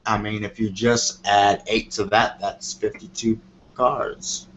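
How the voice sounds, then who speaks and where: The slow, low voice of this man shows little pitch movement and a slightly bright quality. He's a tarot reader on a call-in show who explains things casually and off the cuff, rambling and often checking comprehension with "you know what I mean," recorded in dull lo-fi audio with clear noise.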